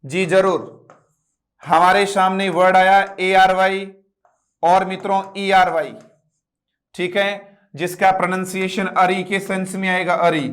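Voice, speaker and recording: A man's voice: sits high, fairly bright tone. A man teaching an English lesson, spelling words letter by letter and asking students to repeat. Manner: repeats words and quizzes listeners with rhetorical questions. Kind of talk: online class lecture.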